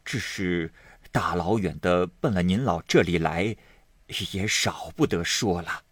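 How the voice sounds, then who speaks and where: Man voicing a shy old peasant grandma, halting, husky and soft-spoken, dry close sound. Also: low voice, no room sound. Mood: bashful. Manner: halting, hesitant speech. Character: poor old country grandmother, humble and bashful.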